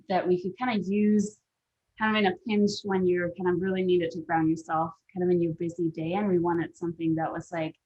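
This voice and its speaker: A woman's voice: lowish voice, a little mellow. A woman from Denmark, a guest on a video-call interview, talking hesitantly with lots of fillers. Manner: hesitant, many fillers like kind of and um. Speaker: guest, deck co-creator. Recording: dull lo-fi call audio.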